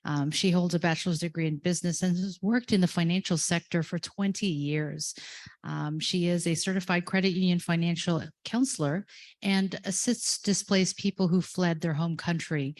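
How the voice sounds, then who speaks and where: A woman's voice: fairly low pitch, fairly even intonation, normal speed, darkish tone. A woman moderating a conference panel, introducing the guests and asking questions with many hesitations.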